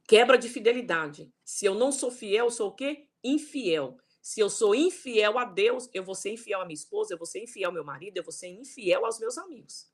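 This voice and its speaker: Husky older woman preaching. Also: mid-range voice. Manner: emphatic, repeats words, asks "né?" and "tá?". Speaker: pastor. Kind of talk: online sermon teaching.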